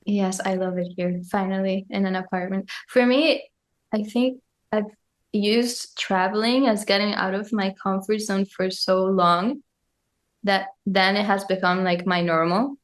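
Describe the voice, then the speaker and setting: A woman's voice: medium pitch, steady tone, unhurried. A young woman from Argentina, a guest musician on a podcast, talking casually and reflectively and thinking aloud with lots of fillers.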